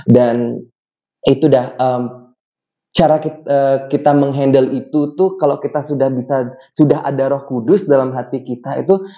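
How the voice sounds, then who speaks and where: A young man hosts a church podcast in a relaxed, chatty way, telling a story with many fillers. His voice is mellow and dark. The recording sounds dull and lo-fi. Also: medium pitch, normal speed. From Bali, Indonesia. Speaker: podcast host. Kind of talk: casual chat.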